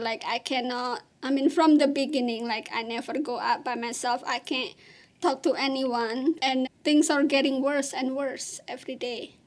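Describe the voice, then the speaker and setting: A woman from Indonesia, telling her own story in an earnest, halting way with pauses and restarts. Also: high voice. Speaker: interviewee. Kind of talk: personal testimony.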